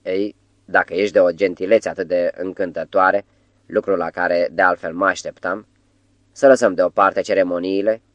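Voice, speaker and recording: Brief: audiobook, man as a lordly devil, deep and gravelly, commanding, dry close sound. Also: fairly even intonation, a bit bright, no room sound, dull audio. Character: imposing, mocking old devilish master.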